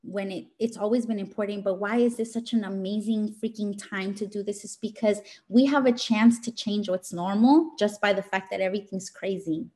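A woman's voice: mid-range voice, fairly even intonation, normal speed, few pauses, mellow. A woman giving an informal motivational talk in an emphatic, scolding teacher voice, speaking directly and colloquially.

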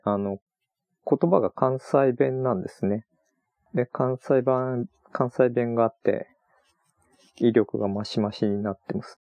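A man chatting on his own about books he read on a trip, rambling and relaxed with many fillers. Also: lowish voice, no echo, dull audio. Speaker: podcast host. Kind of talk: casual solo talk about books.

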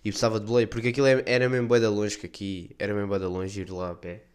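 A man's voice: lowish voice, little pitch movement, rapid-fire, clear, resonant tone. Slangy young Portuguese man rambling. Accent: European Portuguese. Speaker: podcast host. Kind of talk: casual monologue storytelling.

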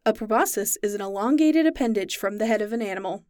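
A woman's voice: medium pitch, lively intonation, fast, a little mellow, no echo, clean studio sound. A young woman co-hosting a casual podcast, explaining insect biology in detail with a chatty, knowledgeable manner. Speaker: podcast co-host explaining science. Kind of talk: casual chat.

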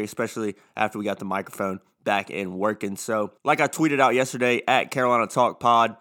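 A man in his twenties hosts a casual solo sports podcast in a mid-range, fairly bright voice. New dental braces give him a lisp, as if he were wearing a retainer.

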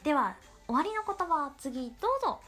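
A woman's voice: high voice, very animated, normal speed, pushed and bright, faint music behind. A woman podcast host with a cute, girlish anime-style voice, talking casually and rambling in a playful, self-deprecating way. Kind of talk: casual solo podcast talk.

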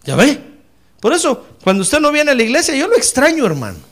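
A man preaches with a high, gravelly voice that swings widely in pitch. His tone is bright and fervent, and he keeps turning to his congregation as "brother.". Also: huge pitch swings, brisk. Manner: fervent, calls listeners brother. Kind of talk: sermon.

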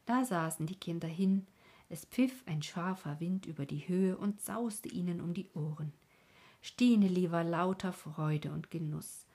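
A woman reads a classic children's story in a calm, gentle manner. Her voice sits low and husky, dropping now and then into a breathy half-whisper. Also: a little slow. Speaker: audiobook narrator. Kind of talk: storybook narration.

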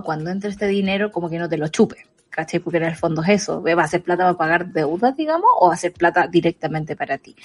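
Chatty woman co-host, breathy tone, casual delivery. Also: fairly low pitch. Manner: chatty, restarts, laughs often. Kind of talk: casual chat.

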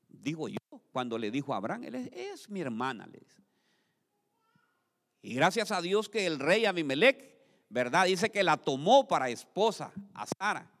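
A man preaches to his congregation in a slightly high voice, rising to loud bursts and dropping to quiet asides. He calls on the listeners to repeat his phrases back. The sound carries a long hall reverb. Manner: swings between loud exclamations and soft asides. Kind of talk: sermon. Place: church.

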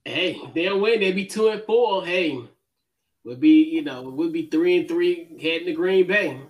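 A man's voice: on the high side, normal speed. A man hosting a casual sports podcast, running through game picks in a loose, easygoing way. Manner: easygoing, loose, many fillers and restarts. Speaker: podcast host.

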